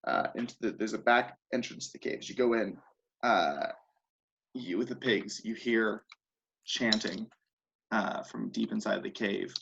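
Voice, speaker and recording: A man's voice: lowish voice, a little slow, gravelly, fairly bright tone, muffled recording, a little hiss or hum. Chatty male game master narrating. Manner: loose, chatty narration with many fillers.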